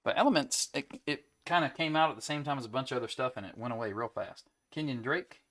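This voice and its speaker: Running a card break from home, a young adult man chats in an easygoing way and reels off player names between asides as he opens packs. He talks fast, with a middle-pitched, fairly bright voice.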